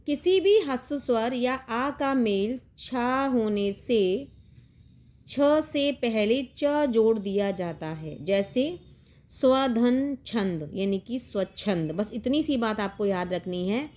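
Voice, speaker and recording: A woman's voice: fairly high pitch, animated, slow, darkish tone. A middle-aged woman teaching an exam-prep grammar lesson, explaining rules step by step and often checking in with the listener.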